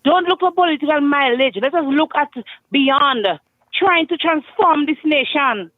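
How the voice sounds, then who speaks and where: A woman's voice: high-pitched, a little slow, no echo. Grenadian woman caller, emphatic and repetitive, heard through a tinny, clipped phone line. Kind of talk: call-in radio chat. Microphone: telephone.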